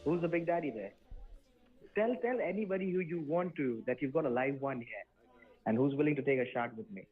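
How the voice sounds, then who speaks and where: A man's voice: medium pitch, a little fast, narrow, tinny audio, faint music behind. A man on a call mocking and teasing a scammer. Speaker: scam baiter on a call. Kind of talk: taunting phone call.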